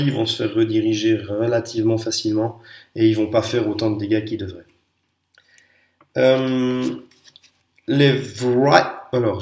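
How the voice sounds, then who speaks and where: A man giving a casual spoken review of tabletop wargame units, pausing often with fillers and restarts and sharing strong opinions. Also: medium pitch, darkish tone. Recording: echoey room.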